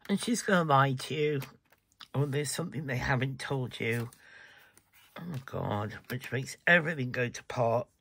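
A man with a mid-range, slightly bright voice and some vocal fry gives a casual tarot reading at a moderate pace, over slight background noise. He's chatty, sometimes drops to a whisper, and breaks off to yawn and apologize.

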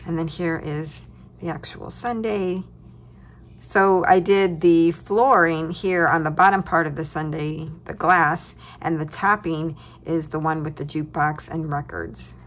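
A woman with a somewhat low voice talks slowly through a paper-craft project. She sounds cheerful and chuckles at her own remarks as she shows pieces at her tabletop desk. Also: fairly even intonation, slight background noise. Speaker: craft tutorial host. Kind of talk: relaxed crafting walkthrough.

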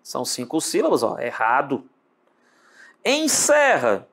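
A man with a Brazilian Portuguese accent teaching an online exam-prep lesson, speaking straight to the student and drawing words out slowly as he breaks them down. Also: on the high side. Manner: animated, talks to the student directly with lots of tag questions; drawls words out slowly when spelling them.

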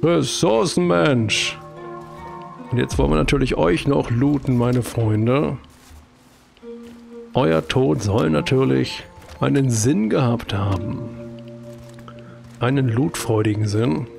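A man's voice: mid-range voice, gravelly, a little mellow. A man with a German accent giving casual commentary as he plays a video game, chatty and talking to himself with jokey exclamations. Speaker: let's play host.

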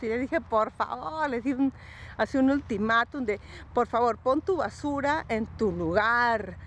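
Earnest, chatty woman vlogger, higher voice, faint traffic under her. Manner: chatty and earnest, repeats pleas, laughs often. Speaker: vlogger giving advice. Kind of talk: casual advice vlog.

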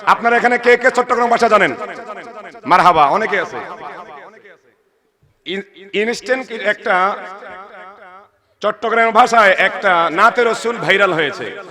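A man with a Chittagonian accent preaching an Islamic sermon, calling on the crowd to answer and breaking into slow chanted verses. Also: sits high. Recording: loud crowd, live event sound.

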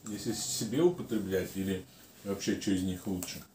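A man in a casual, halting chat over food, chewing while talking. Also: deep voice, fairly even intonation, mellow, distant mic. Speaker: co-eater answering questions. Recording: roomy echo, some background noise.

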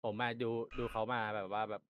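A man's voice: fairly quick, fairly bright tone, slight background noise. A young adult man answering interview questions in a rambling way, full of fillers and restarts. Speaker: applicant being interviewed.

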